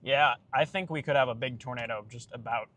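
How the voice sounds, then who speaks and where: A man's voice: medium pitch, a little fast, fairly bright tone. A man giving urgent, anxious live storm-chasing commentary from inside a moving car. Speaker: storm chaser livestreaming. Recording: clear vehicle and road noise. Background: vehicle noise.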